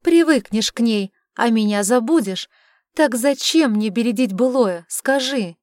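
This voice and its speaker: A woman voicing a sharp-tongued, sarcastic witch in an audiobook, scolding and mocking. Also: fairly high pitch, lively intonation, a little slow, no echo, studio quality. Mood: earnest, reproachful. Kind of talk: audiobook character reading.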